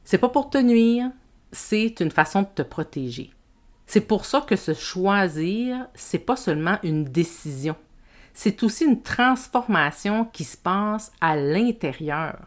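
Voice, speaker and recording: A woman with a Québécois French accent hosting a self-help podcast, speaking to the listener in a gentle, reflective way. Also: mid-range voice. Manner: slow, gentle, addresses the listener as tu. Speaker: podcast host and women's coach.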